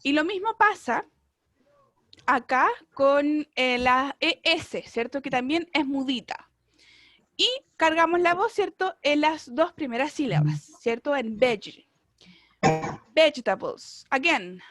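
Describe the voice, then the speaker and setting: A woman teaching an online English class, encouraging and drilling words slowly with frequent checks. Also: sits high, animated, fairly bright tone, no echo. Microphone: video call.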